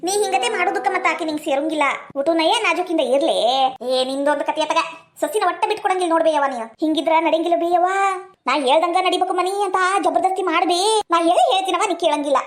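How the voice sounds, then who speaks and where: North karnataka village lady, super high voice, talks fast, chiding banter in a comedy skit. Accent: North Karnataka Kannada.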